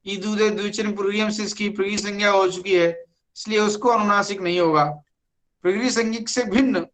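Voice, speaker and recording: A teacher giving an online Sanskrit grammar lecture, speaking deliberately and repeating key words. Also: medium pitch, a bit bright, low-quality recording.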